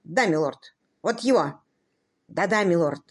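A dignified butler answering with formal, deferential brevity, as a woman reading an audiobook puts him on. His replies are measured and proper. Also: fairly low pitch, expressive, breathy edge.

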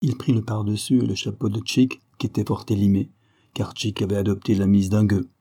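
Man, audiobook narrator, detective story, low-pitched, mellow dark tone, steady. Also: brisk, breathy edge.

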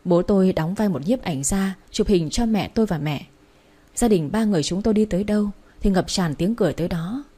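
A woman narrating a first-person family story as an audiobook, in a steady, earnest reading. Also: mid-range voice, fairly quick.

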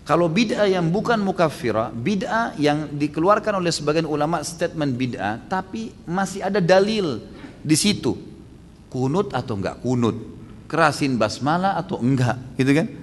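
A man preaching and answering questions at a religious study session, fast and emphatic, with many rhetorical questions. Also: a little high, lively intonation, long reverb tail, slight background noise.

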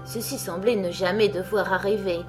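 A woman narrating a children's classic in a calm, measured way, her voice in a middle register. Soft music plays faintly under her reading. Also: mid-range voice. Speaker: audiobook narrator. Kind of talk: scripted storybook narration.

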